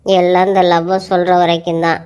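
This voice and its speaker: A woman's voice: on the low side, little pitch movement, brisk, darkish tone, clear, resonant tone, close to an everyday voice. A woman voicing a young college woman in love, who scolds and mock-threatens her boyfriend in a cartoon. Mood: upset. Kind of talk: cartoon voice acting.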